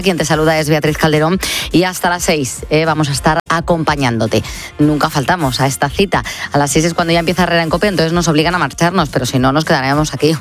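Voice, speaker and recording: A woman hosting a late-night radio show from a studio, chatting in a relaxed way with frequent laughs. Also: low-pitched. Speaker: radio host.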